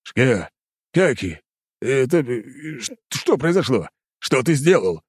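A man's voice: mid-range voice, very animated, slow pace, darkish tone, husky, no room sound, clean studio sound, voice pushed up, full character voice. A man voicing a stern middle-aged count speaking to his son on the phone. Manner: stern, clipped, commanding.

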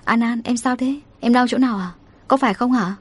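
A caring young husband, hushed and steady as he reassures his wife, played by a woman narrator. His voice is soft and firm. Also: a little high, brisk, slightly rough. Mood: alarmed. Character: worried protective young husband.

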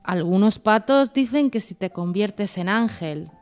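A woman's voice: medium pitch, animated, a little slow, darkish tone, lightly acted. A woman voicing a curious, talkative male duck who asks eager questions, reading a storybook.

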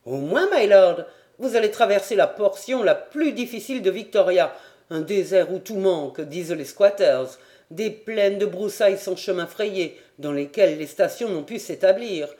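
An audiobook reader voicing a male quartermaster guide who speaks in a firm, calm and assured way. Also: medium pitch, normal speed, natural voice. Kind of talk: audiobook character voice.

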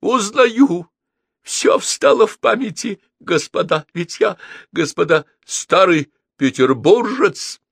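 A fawning old diplomat, as a male narrator puts him on, his creaky elderly voice pitched well above the reader's own. The old man gushes with eager courtesy throughout this audiobook story. The recording is dry and close, with no room sound. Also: very animated, slow pace, fairly bright tone, no room sound, exaggerated voice. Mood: rapturous.

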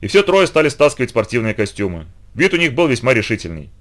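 A man reading a children's story aloud at a brisk clip. His voice swings up and down with plenty of life. He sits mid-range in pitch. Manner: animated, quick storytelling. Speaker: narrator.

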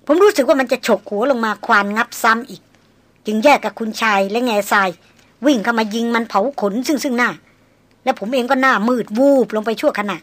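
A woman reading an audiobook, voicing a blunt male hunter who recounts events calmly. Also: a little high, fairly quick, no room sound, close to an everyday voice. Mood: recounting. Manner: calm recounting, matter-of-fact. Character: grown male jungle hunter, blunt and steady. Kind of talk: audiobook character voice.

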